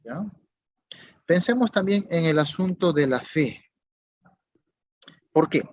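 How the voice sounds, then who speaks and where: A man's voice: fairly high pitch, lively intonation, takes it slowly. A male pastor preaching a sermon, asking rhetorical questions and checking that listeners follow. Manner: rhetorical questions with tag checks, swings from loud to soft. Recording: dull lo-fi dry recording.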